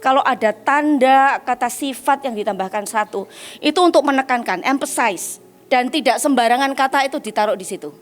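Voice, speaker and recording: Animated woman preacher with a high voice. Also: fairly quick. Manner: animated, emphatic, mixes in English and Javanese phrases. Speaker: evangelist preacher. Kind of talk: sermon.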